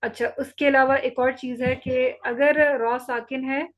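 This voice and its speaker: A woman gives an online Quran recitation lesson in a high voice with fairly even intonation, and the audio is poor. She is patient, repeating the rules slowly and checking that students understand.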